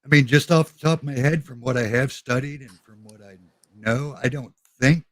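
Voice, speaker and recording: A man co-hosting a casual faith discussion, giving his views in an easygoing, measured way. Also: medium pitch, dry recording. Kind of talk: casual discussion on a live stream.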